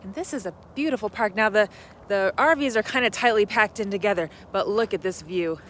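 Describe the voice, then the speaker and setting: A woman's voice: medium pitch, brisk, fairly bright tone, slight background noise. A middle-aged woman talking to camera in a casual travel vlog, chatty and upbeat, a little out of breath, standing outdoors at an RV park. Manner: chatty, upbeat, laughs easily. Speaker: RV travel vlogger.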